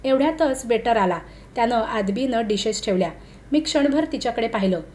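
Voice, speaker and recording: A woman narrating a first-person story in a steady, measured reading voice. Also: a little high, slight background noise. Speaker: reader.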